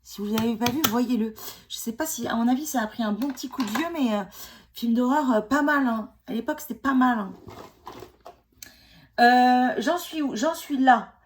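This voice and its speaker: This woman's fairly high voice moves at a moderate pace, with slight background noise. She's a beauty vlogger in her forties who has a cold, chatting casually through a makeup tutorial at home, joking about herself and often using fillers and restarting.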